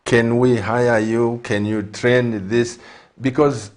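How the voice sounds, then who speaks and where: A man, hosting a TV interview and asking measured, deliberate questions. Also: mid-range voice, little pitch movement. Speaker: talk show host and pastor.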